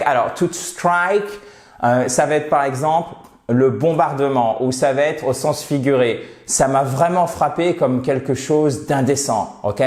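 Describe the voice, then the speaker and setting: A man explaining English irregular verbs in a patient lesson, slowly repeating example sentences. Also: mid-range voice, reverberant. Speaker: English teacher. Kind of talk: French-language English grammar lesson.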